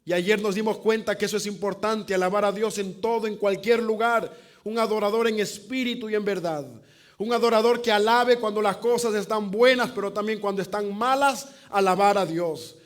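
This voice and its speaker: A man's voice: high voice, fairly even intonation, moderate pace. A man preaching an evangelistic sermon as pastor, dramatic, asking the congregation questions. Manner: dramatic, asks the congregation questions and acts out quotes. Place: church.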